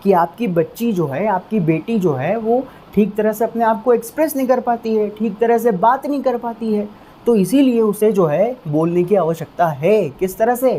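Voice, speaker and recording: A man teaching English vocabulary in Hindi, explaining patiently and drilling each word with slow repetitions. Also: high voice, warm tone, a little hiss or hum.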